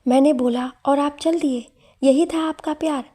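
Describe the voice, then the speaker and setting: A woman's voice: high voice, steady tone, moderate pace, mellow, close to an everyday voice. Woman reading as a shy, teasing young student. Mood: reluctant.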